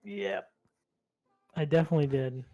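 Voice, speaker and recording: A man's voice: fairly high pitch, normal speed, vocal fry, mellow, muffled recording. A man playing a tabletop game, musing tentatively aloud. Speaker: player. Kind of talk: tabletop play chat.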